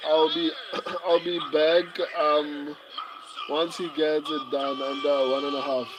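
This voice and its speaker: A man's voice: on the high side, level tone, takes it slowly, noisy background. A man hosting a casual fight watch-along stream, reading viewers' comments aloud with a laid-back, chuckling manner and lots of fillers and restarts.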